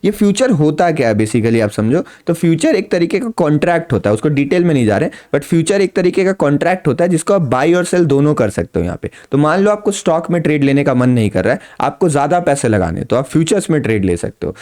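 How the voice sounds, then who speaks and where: A trading teacher speaks to camera in a fairly high, slightly mellow voice, fast and with few pauses, his pitch swinging widely. He explains patiently to beginners, repeating points and using simple everyday examples.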